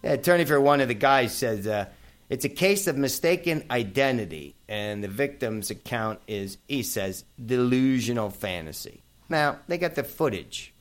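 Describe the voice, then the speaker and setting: In a radio studio, a man in his 50s with a New York accent chats brashly with listeners on his laid-back talk show, addressing them as folks. His mid-range voice is lively and moves at a moderate clip.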